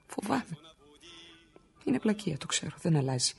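A woman's voice: mid-range voice, expressive, creaky, a little mellow, breathy edge, faint music behind, heavily acted. An actress playing a frightened, exhausted immigrant wife of an injured worker, pouring out her fears in a radio drama. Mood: weary, fearful. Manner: emotional, confessional monologue.

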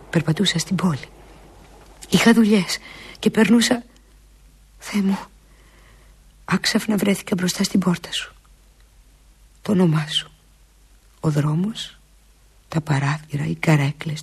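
A woman playing a husky, heartsick lover. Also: lowish voice, darkish tone. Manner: intimate, pleading, drifting into breathy half-whispers. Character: lovesick woman pleading with an absent lover. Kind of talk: theatrical monologue.

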